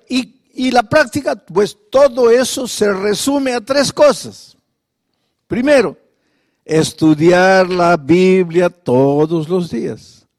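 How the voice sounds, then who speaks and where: A male pastor preaching a sermon, firing off repeated rhetorical questions and at times dropping to a soft, confiding tone. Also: sits high, no echo, studio quality.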